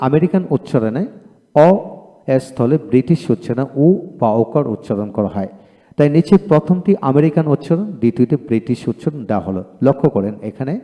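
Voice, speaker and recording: Male language teacher, patient drilling delivery, warm dark voice. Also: medium pitch. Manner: drills word pairs slowly, repeating each twice. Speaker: spoken English teacher. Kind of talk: classroom-style pronunciation lesson. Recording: roomy hall reverb.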